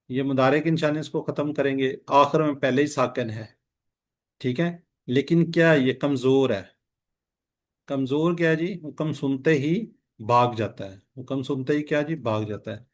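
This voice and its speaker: A man teaching an online class, patiently quizzing his students with repeated questions over a video call. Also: medium pitch. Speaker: Quran and Arabic grammar teacher.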